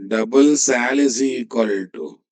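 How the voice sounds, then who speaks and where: A man's voice: medium pitch, slow pace, a little mellow. A man with a Telugu Indian English accent giving a live coding lesson, dictating as he types and often repeating phrases and checking with students. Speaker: programming instructor.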